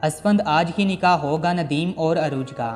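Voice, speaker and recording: A man voicing a harsh, scheming aunt in a storybook reading, with a shrill, domineering manner. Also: measured pace, lightly acted. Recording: long reverb with background music.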